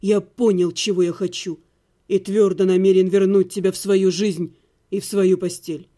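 A woman reader voicing a brooding male necromancer, the narrator's ex-husband, lowering her voice into a husky male register. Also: flat delivery, normal speed, close to an everyday voice. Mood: low tender. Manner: shouting in despair, then low and insistent. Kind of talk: audiobook character voice.

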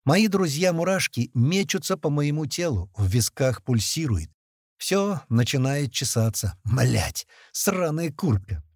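A man narrating an action story in first person, voicing the shouted lines of the characters himself. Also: a little high, animated, unhurried, dry recording, clean studio sound. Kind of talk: audiobook narration with acted dialogue.

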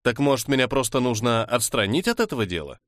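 A man's voice: mid-range voice, lively intonation, quick pace, fairly bright tone, no echo, studio quality, natural voice. A man voicing a hot-tempered major in his forties who speaks in clipped, caustic tones while holding back anger. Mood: restrained anger. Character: angry disciplined male major, forty-two, hot-tempered.

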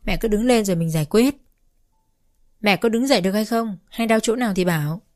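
A woman's voice: medium pitch, brisk, a little mellow, close to an everyday voice. A woman voicing a meek grown son who pleads and apologizes to his mother. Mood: pleading.

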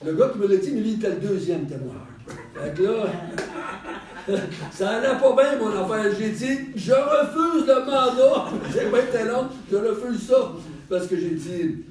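With a Quebec French accent, a man leads a casual group Bible study, chatting, wandering off on tangents, and laughing often. His voice sits high and mellow at a moderate pace, and the distant mic picks up a roomy echo.

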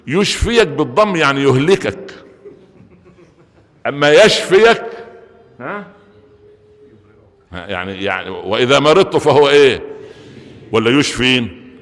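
Long reverb from a big hall surrounds a man delivering a Friday sermon in an Egyptian Arabic accent. His medium-pitched voice has vocal fry and a bit of brightness, and he mixes jokes with a stream of rhetorical questions.

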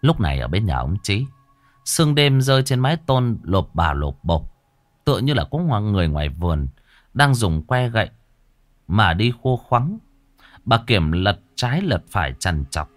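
A man narrates a horror story in a low voice with lively swings of pitch. His storytelling is dramatic, and the recording is dry and close. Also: normal speed, no echo.

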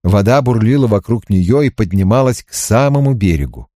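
A man narrating a novel as an audiobook in an expressive, measured reading. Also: on the low side, dry recording, studio quality.

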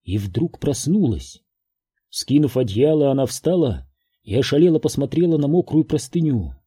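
A man's voice: mid-range voice, sing-song, moderate pace, dark tone, breathy edge. A man narrating a horror audiobook.

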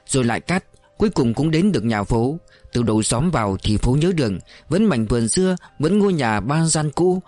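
A man narrating an audiobook in a steady, measured storytelling voice. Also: mid-range voice, dry recording.

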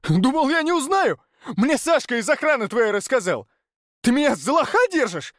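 A man voicing an enraged business partner who yells and seethes, his voice shaking with fury. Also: high-pitched, expressive, brisk, dry recording, clean studio sound, pitched above the performer's own voice. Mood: furious yelling. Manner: yelling, seething, trembling with fury. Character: raging, betrayed middle-aged business partner.

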